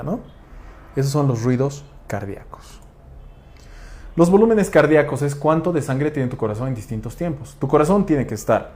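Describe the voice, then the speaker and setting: A man's voice: mid-range voice, dark tone. A man lecturing on physiology, asking rhetorical questions and checking in with tag questions. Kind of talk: explanatory lecture.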